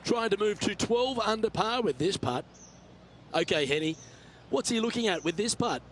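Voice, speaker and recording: A man's voice: high-pitched, lively intonation, normal speed. A man giving live play-by-play golf commentary as a tournament commentator. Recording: crowd and loud outdoor noise behind. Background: tournament crowd, outdoor ambience.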